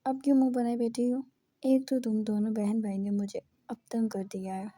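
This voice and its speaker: Woman reader as scolding middle-aged mother; dark, husky, dry. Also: a little high, little pitch movement, normal speed, no echo, close to an everyday voice.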